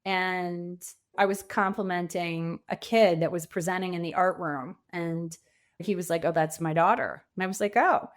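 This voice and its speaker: A woman with a fairly low voice talks at a moderate pace with fairly even intonation. She's a podcast guest, an author and coach, telling casual, informal stories and illustrating her points with anecdotes and quotes she acts out.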